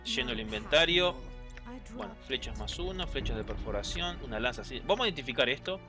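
A man with a Rioplatense Spanish accent giving chatty, excitable gameplay commentary, reading game lines aloud and answering chat. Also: mid-range voice, fast talker, over music. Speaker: gameplay streamer.

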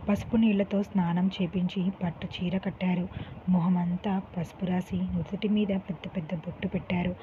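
A woman narrating a dramatic story in a steady, earnest reading voice. The sound is tinny and phone-like with a faint hiss. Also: lowish voice, normal speed. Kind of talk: scripted narration.

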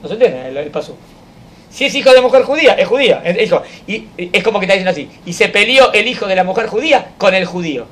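High-voiced rabbi teaching a class. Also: male voice, sing-song, a bit bright. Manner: keeps checking understanding with the class; recites verse slowly, then explains. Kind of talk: classroom Torah lesson. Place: study hall with students.

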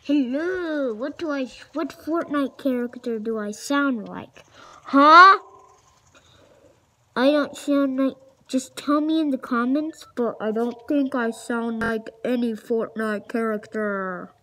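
A young woman chatting casually while playing a video game, excitable and chatty, shouting at opponents now and then. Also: a little high, a little slow. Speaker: gamer. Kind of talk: casual gameplay commentary.

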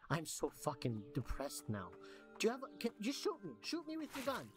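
A woman's voice: mid-range voice, wildly swooping pitch, fairly quick. A woman voicing a tiny, overly emotional cutie creature who greets visitors to her town, in video game dialogue with a sweet, cutesy, melodramatic manner. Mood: depressed ranting. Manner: sweet, cutesy, melodramatic, swings into wailing despair. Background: game music.

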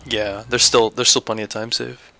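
A man's voice: mid-range voice, little pitch movement, normal speed, creaky, bright, forceful tone. A man giving live commentary on his own speedrun, swearing and muttering to himself as he plays. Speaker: speedrunner streaming a run.

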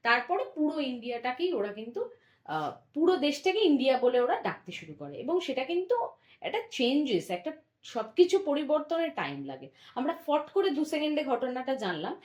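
A woman teacher walks her students through a history lesson, explaining step by step and pausing to check they follow. Her voice sits high and swoops up and down with animation. The sound carries an echoey room around it. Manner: explains step by step, often checks understanding with a tag question.

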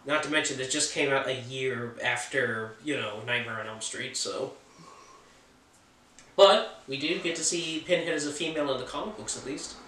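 A man's voice: medium pitch, moderate pace, pushed and bright, far from the mic, a little hiss or hum. A man talking casually as a film reviewer, chatty and opinionated, with offhand jokes. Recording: roomy sound from off the mic.

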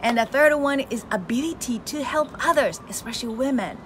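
A middle-aged Japanese woman with a Japanese accent, talking live to followers on a phone held at arm's length on an outdoor veranda, animated and asking her listeners questions. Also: on the high side, a little fast, slight background noise. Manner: animated, exclaims, gestures with hands, asks listeners questions. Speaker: face yoga teacher. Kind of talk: live motivational talk to followers.

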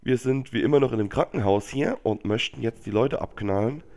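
Game music and gunfire fill the background as a young man with a cold gives slangy, casual commentary for his gameplay series, muttering and cursing into a headset mic. His medium-pitched voice is a little mellow and a little fast, with vocal fry and slight background noise.

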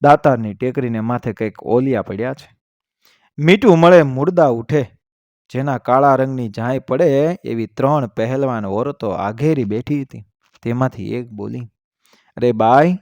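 A male storyteller reads aloud with expression and lifts his voice for quoted lines. His pitch sits in an ordinary middle range. The recording is dry and close, with no room sound. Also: normal speed, no echo. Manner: expressive reading, voice lifting for quoted speech.

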